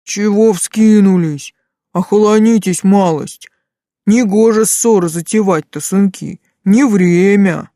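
Woman putting on a slow, booming old fisherman. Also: dark tone, no room sound, studio quality, lightly acted. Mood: soothing. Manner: booming, drawling, coaxing. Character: folksy old village fisherman, grandfatherly. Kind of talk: audiobook character voice.

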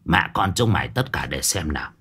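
A man playing a cruel, greedy old village official who curses and yells threats at the poor. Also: lowish voice, sing-song, brisk, slightly rough, full character voice. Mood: snarling. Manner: snarling, cursing, yelling threats.

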